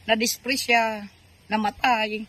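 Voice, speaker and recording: An older woman telling her life story in a halting, rambling way, full of fillers, politely adding respectful words. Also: on the high side, level tone, fairly bright tone. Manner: polite, adds po and ma'am. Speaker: interviewee. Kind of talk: casual storytelling.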